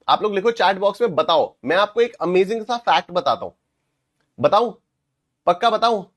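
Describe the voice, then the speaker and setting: A young man teaching a live online class, energetic and playful, teasing students and mixing in English phrases. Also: high voice. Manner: mixes Hindi and English.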